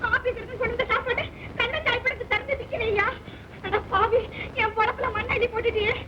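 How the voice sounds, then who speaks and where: Shrill panicky village cook. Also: female voice, lively intonation, a little fast, very noisy. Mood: wailing. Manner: shrill, wailing complaints. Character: distressed village woman cook, loud, easily panicked. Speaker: cook for an officer. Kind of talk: 1950s film comedy acting. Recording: dull old film soundtrack with music.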